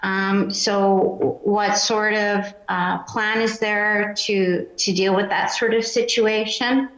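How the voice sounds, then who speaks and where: Slow, squeaky-voiced woman at a council mic. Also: steady tone, a bit bright. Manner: hesitant, many ums, not a practiced speaker. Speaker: resident speaking at public meeting. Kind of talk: public comment at council meeting. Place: council chamber. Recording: roomy, dull meeting-room recording.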